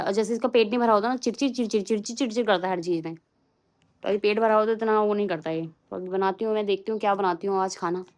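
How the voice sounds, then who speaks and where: A young woman from Uttarakhand, India, chatting casually in a home vlog and now and then scolding her small son. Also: medium pitch. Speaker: vlogger. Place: home, indoors.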